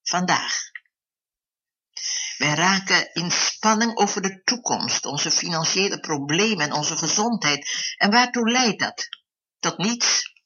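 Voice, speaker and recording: A preacher giving an earnest devotional talk, slowing down to stress key phrases. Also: mid-range voice, lively intonation, sharp tone, breathy edge. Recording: dull lo-fi recording.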